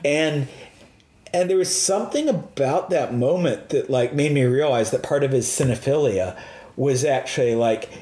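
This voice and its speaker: A man's voice: medium pitch, normal speed, mellow. American guy chatting loosely, lots of ums and likes, echoey room sound. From United States. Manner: rambling, hesitant, lots of "um" and "like". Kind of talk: casual chat. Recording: roomy echo.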